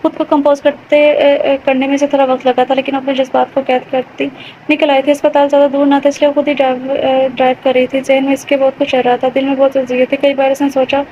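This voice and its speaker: High-voiced woman narrating an audio novel. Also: little pitch movement, a little mellow, lo-fi sound, a little hiss or hum.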